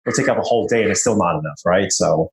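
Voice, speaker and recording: A young man from Malaysia, a business owner, talking in a relaxed interview with lots of fillers and short laughs. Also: sits low, fast talker. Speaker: podcast guest, business owner. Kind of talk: casual interview. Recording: roomy echo.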